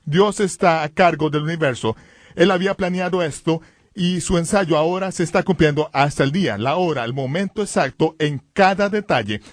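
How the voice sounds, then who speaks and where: A man gives dramatic Bible teaching, pushing his phrases hard and rising to loud exclamations. His voice sits fairly high. He is recorded dry in a studio booth. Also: normal speed, no echo.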